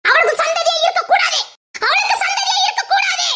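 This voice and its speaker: A woman's voice: extremely high pitch, animated, fast, pushed and bright, full character voice. A woman playing a gloating vengeful schemer. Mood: scheming. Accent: Tirunelveli Tamil. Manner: gloating, repeats her threats. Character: scheming vengeful woman bent on shaming rival.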